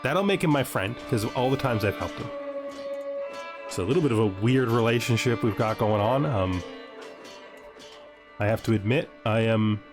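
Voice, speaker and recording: A gaming video host gives casual let's-play commentary, thinking aloud and wryly talking to the game's characters. His fairly low voice is animated at a normal speed, with long pauses and music playing in the background.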